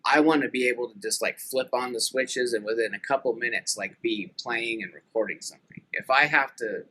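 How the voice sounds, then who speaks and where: A man's voice: medium pitch, brisk, bright, forceful tone, slight background noise, low-quality recording. A man in his late thirties talking earnestly and thoughtfully in a casual podcast conversation, with many fillers. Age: late 30s.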